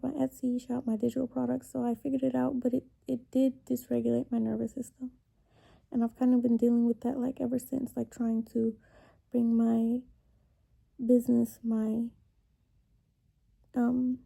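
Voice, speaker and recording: Tearful, husky young woman, very muted tone. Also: fairly high pitch, warm tone. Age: 20s. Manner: halting, emotional, with long pauses and trailing off. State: emotionally upset, tearful. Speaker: vlogger. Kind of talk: confessional personal vent to camera.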